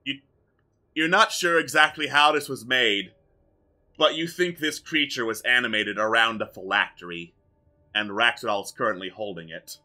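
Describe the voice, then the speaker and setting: Male game master, mid-pitched with a sharp, very bright edge, narrating fantasy adventure off the cuff. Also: normal speed.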